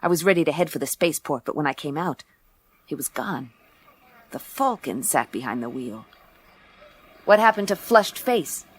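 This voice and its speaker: An actress voices a tough, wisecracking woman gumshoe narrating her case in a radio play, dry, blunt and slangy. Her low voice is animated and slightly rough, at a moderate pace with long pauses. Music plays under her dry narration.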